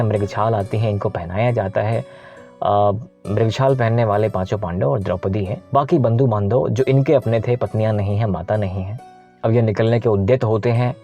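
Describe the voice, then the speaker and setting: A man's voice: medium pitch, mellow. A man hosting a channel, retelling an ancient epic in a casual, explaining way and speaking directly to his listeners. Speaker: storyteller host. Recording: slightly dull recording with faint music.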